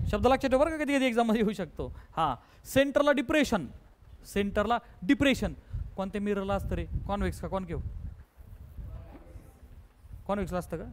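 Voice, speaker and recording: High-voiced quizzing physics teacher. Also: male voice. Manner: quizzes students with rapid repeated questions; mixes English terms into his talk. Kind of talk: classroom lesson.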